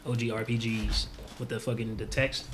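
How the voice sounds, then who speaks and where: A man's voice: on the low side, flat delivery, normal speed, a crowd in the background. A man co-hosting a casual podcast chat, emphatic and swearing freely. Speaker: podcast co-host.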